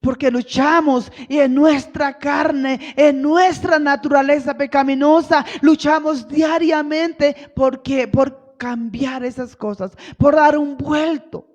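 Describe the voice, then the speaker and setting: A woman missionary delivers a sermon in a high, unhurried voice, asking rhetorical questions and acting out quoted lines with rising force. Her voice carries a long reverb from the church hall. The recording sounds dull and lo-fi. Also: fairly even intonation, a little mellow. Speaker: missionary preacher.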